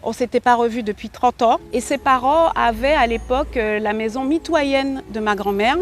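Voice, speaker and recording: A woman's voice: fairly high pitch, normal speed. Middle-aged woman, hesitant. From French Guiana. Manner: hesitant, many fillers. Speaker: journalist. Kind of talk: interview reminiscence.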